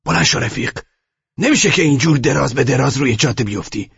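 A narrator putting on the voice of a kindly male truck driver who gently coaxes, raised well above his own deep voice, on a dull lo-fi recording. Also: lively intonation, vocal fry, slightly rough, exaggerated voice. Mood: coaxing. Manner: gentle, coaxing.

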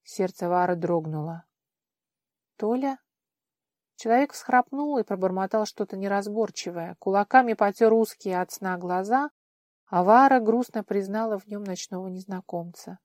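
A woman's voice: medium pitch, no echo, studio quality. Woman reading a fantasy audiobook. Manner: expressive, measured. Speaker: audiobook narrator. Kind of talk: scripted narration.

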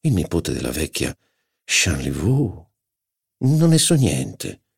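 A man reading an audiobook, voicing a stern, pedantic aristocratic duke who speaks in a measured, lecturing way. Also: rumbling low, wildly swooping pitch, vocal fry, slightly rough, no room sound, clean studio sound, heavily acted. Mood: reproachful.

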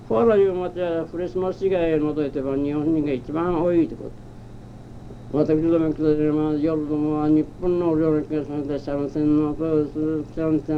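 An elderly man from Japan telling his life story as an oral history interviewee, in a rambling, halting way with old-fashioned rustic speech. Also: on the high side. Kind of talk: reminiscing in a personal narrative. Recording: muffled, dull old tape with faint hiss. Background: faint background noise.

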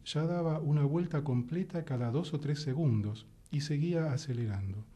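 A man reading a literary short story aloud in a calm, measured storytelling manner. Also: mid-range voice, slightly rough. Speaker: story reader.

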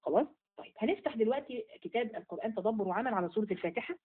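A woman's voice: a little high, expressive, racing, husky, narrow, tinny audio. A woman teaching a Quran study lesson in Egyptian Arabic, asking and answering her own questions as she goes. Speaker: religious teacher.

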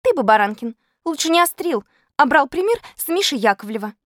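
A bossy schoolgirl scolds her classmates in a shrill, high voice that leaps about, as a woman reads her part. She sounds alarmed and in charge at once. The sound is close and dry. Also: sing-song, brisk, no echo. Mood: scolding.

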